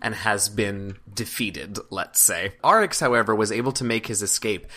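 A woman's voice: a bass voice, moderate pace, pushed and bright. A woman narrating a tabletop role-playing game as game master.

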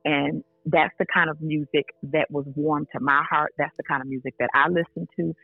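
A woman's voice: deep voice, steady tone, normal speed, gravelly, husky, dry recording, soft background music. A woman singer speaking as an interview guest, earnest and enthusiastic. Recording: tinny phone line.

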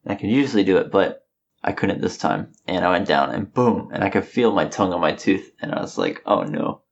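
Low-voiced man with a slight lisp. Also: brisk, dull audio, slight background noise. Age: late 20s. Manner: slight lisp from knocked-out teeth. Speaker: podcast co-host. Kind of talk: casual chat.

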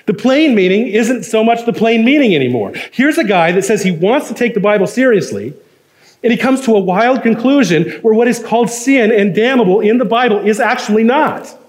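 A man's voice: high voice, animated, a little fast. A man preaching a sermon, earnest and emphatic, reading quotations aloud and building to firm points. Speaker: pastor.

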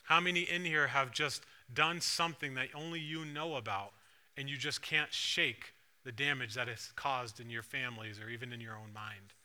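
Bright-voiced man preaching a sermon. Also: mid-range voice, steady tone, moderate pace, smooth. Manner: conversational, asks the congregation questions. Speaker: pastor. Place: church sanctuary.

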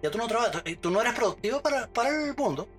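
A man's voice: very high voice, sing-song, fast talker, soft background music. A man co-hosting a comedy podcast, joking crudely with stammering restarts. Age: 30s. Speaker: podcast co-host.

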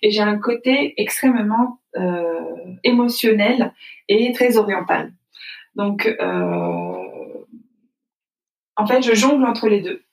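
A woman's voice: mid-range voice, very animated, slow, pauses often. A woman from France, speaking as an interview guest, reflective and full of hesitant fillers. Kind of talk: casual conversational interview. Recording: echoey room, distant from mic.

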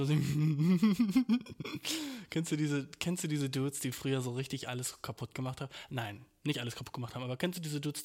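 A young man hosting his own podcast, venting in a rambling, slangy, swear-heavy way about his audio troubles. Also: medium pitch. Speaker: podcast host. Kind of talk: casual solo podcast rant. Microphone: home podcast mic.

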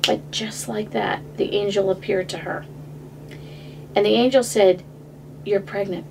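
A woman's voice: medium pitch, fairly even intonation, measured pace, gravelly, recorded from a distance, a little hiss or hum. A middle-aged woman hosting a devotional podcast, talking in a chatty, conversational way with fillers. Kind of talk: devotional talk.

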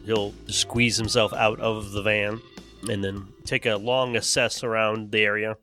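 A man playing a tabletop role-playing game, calmly describing his character's actions. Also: on the low side, unhurried, soft background music. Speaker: player.

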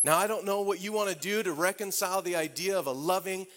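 A man's voice: high voice, quick pace, fairly bright tone. A middle-aged man preaching a sermon, recounting a testimony in a conversational storytelling way with frequent restarts. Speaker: missionary speaker.

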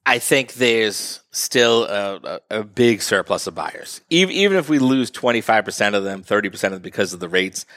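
A man's voice: on the low side, expressive, moderate pace, hardly any pauses, fairly bright tone, no echo, studio quality. A man as the guest in a casual interview, explaining at length and acting out what buyers say. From northeastern Massachusetts. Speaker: real estate guest.

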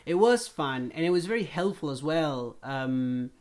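A man's voice: fairly high pitch, expressive, unhurried, a little mellow, smooth. A man from Chile, a missionary guest telling his story in an earnest, reflective way during a casual faith conversation.

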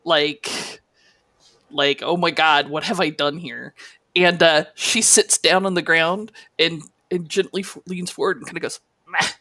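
Woman GM for a tabletop session, bright voice, pitch on the low side, chatty scene-setting. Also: unhurried. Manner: chatty, animated narration with playful asides. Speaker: game master. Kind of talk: narrating a tabletop game.

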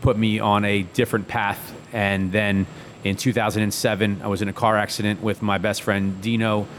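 A chef in his thirties, guest on a casual, reflective interview, talks in a lowish voice. He's relaxed and easygoing but halting, with many fillers and restarts, over a faint background hiss.

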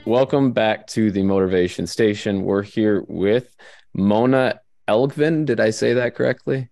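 A man's voice: lowish voice, measured pace, gravelly, darkish tone, faint music behind. A man with a Midwestern American accent, hosting a podcast in a joking, rambling way. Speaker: podcast host. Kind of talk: casual podcast chat.

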